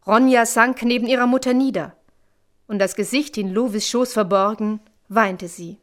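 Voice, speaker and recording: A woman narrating a children's story in a gentle, expressive way. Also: fairly high pitch, moderate pace. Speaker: audiobook narrator.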